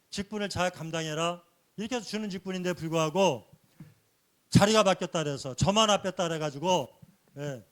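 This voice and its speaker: A man giving a sermon-like church lecture, earnestly explaining points and dropping a soft affirming "yes" between phrases. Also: high-pitched. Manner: earnest, explanatory teaching with rhetorical questions.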